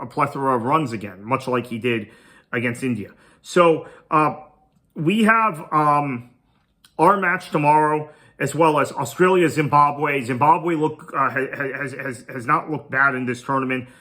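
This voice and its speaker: Speaking alone on his podcast, a Tamil-speaking man thinks out loud through a cricket match preview in a chatty manner. His voice is mid-range with a sharp tone.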